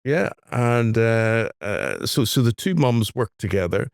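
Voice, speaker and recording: A middle-aged man, co-hosting a casual podcast in an easygoing, halting way. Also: medium pitch, lively intonation, gravelly, dry recording, clean studio sound. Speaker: podcast co-host. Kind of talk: casual chat.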